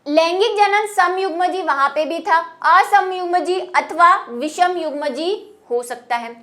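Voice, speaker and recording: A woman's voice: very high-pitched, a little slow, fairly bright tone. A woman teaching a biology lecture, explaining terms patiently in Hindi and English. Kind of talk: classroom lecture.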